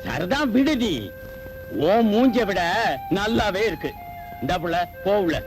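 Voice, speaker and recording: An actor playing a middle-aged father who calms his wife and chides gently, in a Tamil film. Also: high-pitched, a little slow, music in the background, exaggerated voice, low-quality recording. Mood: placating. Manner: placating, chiding gently. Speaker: father of the heroine. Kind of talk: 1980s Tamil film acting.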